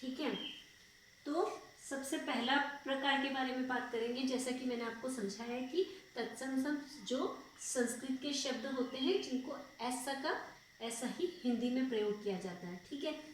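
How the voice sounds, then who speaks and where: A woman's voice: high voice, measured pace, distant mic, a little hiss or hum. Patient woman teacher, echoey room. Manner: patient, repeats and asks checking questions. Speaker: school teacher. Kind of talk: grammar lesson.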